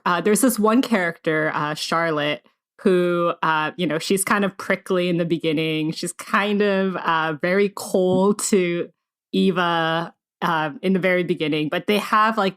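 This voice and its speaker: A woman hosting a book podcast, asking questions in a chatty way with many fillers and ready laughs. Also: fairly low pitch. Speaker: podcast host. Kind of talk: casual interview chat.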